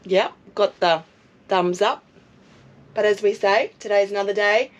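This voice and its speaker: A hoarse woman, chatting casually and poking fun at herself in a travel vlog, outdoors at a caravan park. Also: mid-range voice, measured pace. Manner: chatty, self-mocking. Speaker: travel vlogger. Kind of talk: casual chat.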